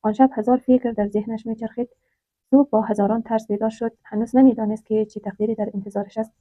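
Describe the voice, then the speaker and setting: A woman narrating a dramatic story in a steady storytelling manner. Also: a little high, dry recording. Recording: dry, tinny phone-like sound.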